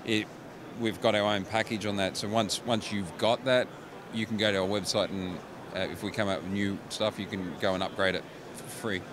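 A man's voice: fairly low pitch, little pitch movement, moderate pace, crowd noise. A middle-aged man, a company managing director, explaining his products into a handheld mic at a trade show booth, with frequent restarts. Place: busy exhibition hall booth. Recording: noisy trade show floor.

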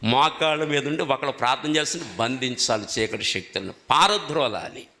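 A man's voice: mid-range voice, fairly quick, sharp tone. A male preacher giving a sermon, emphatic, putting questions to the congregation and repeating key words. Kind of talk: sermon teaching on prayer. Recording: long hall reverb.

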